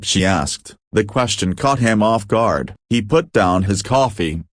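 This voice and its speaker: A man narrating a romantic story in a calm, even, scripted delivery. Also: lowish voice, a little slow, no echo, clean studio sound.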